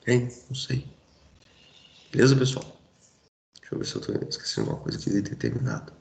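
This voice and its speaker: Casual male grammar teacher, gravelly voice. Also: mid-range voice, wildly swooping pitch, rapid-fire, darkish tone, reverberant. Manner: informal, addresses students directly with frequent checks. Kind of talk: casual online grammar lesson.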